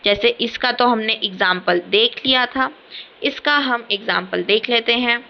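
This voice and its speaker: A woman's voice: on the high side, a little slow. Patient woman teaching, slightly dull audio. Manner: patient, repeats "theek hai" often. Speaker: language teacher. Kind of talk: casual Hinglish lesson.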